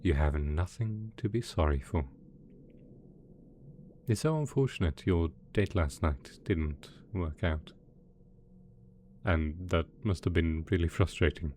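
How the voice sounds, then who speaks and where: A man voices a deep-toned mad scientist supervillain in an ASMR roleplay, doting and possessive as he coaxes softly in a sweetly sinister way. He speaks slowly with long pauses, and the mood is affectionate and soothing. A little background noise sits behind his voice.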